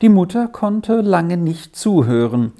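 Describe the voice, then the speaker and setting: A storyteller reading a children's story aloud in a slow, expressive way. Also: medium pitch.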